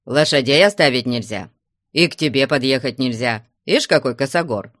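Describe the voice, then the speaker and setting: A man's voice: medium pitch, lively intonation, moderate pace, fairly bright tone, dry recording, studio quality, natural voice. A man voicing a young merchant who coaxes a surly watchman with drink. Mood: coaxing. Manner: hailing and coaxing, offering drink.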